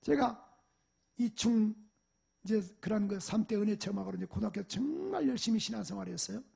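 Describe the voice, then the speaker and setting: A pastor gives a sermon from the pulpit, telling personal stories in an animated way and acting out the people in them. His voice is high, gravelly and very husky. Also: brisk. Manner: animated storytelling, acting out parents and shouting at a dog. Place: church sanctuary.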